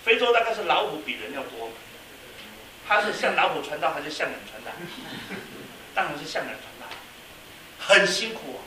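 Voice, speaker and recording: A man preaching a sermon as a pastor, telling a story and swinging from quiet asides to loud exclamations. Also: a little high, very animated, a little fast, long pauses. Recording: echoey hall, mic at a distance, faint hiss.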